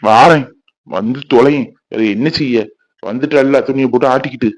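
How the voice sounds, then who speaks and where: A man's voice: mid-range voice, normal speed, natural voice. A man voicing an irritable young son in his twenties who grumbles and mocks, in a cartoon. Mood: grumbling. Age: 20s. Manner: sarcastic, grumbling, impatient. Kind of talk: cartoon voice acting.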